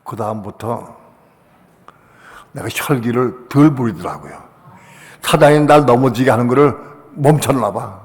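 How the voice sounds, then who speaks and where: A male pastor preaching a Friday evening sermon, passionate, dropping to quiet asides and rising to shouted declarations. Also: mid-range voice, expressive, measured pace, pauses often, long reverb tail. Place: church sanctuary.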